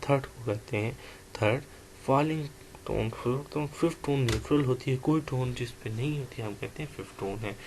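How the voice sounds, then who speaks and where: A man gives a recorded language lesson, walking through letters and tones one at a time. His pitch sits in an ordinary middle range. A faint hiss runs under the recording. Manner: slow, explanatory, spells out letters one by one. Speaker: language teacher. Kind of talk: online lecture.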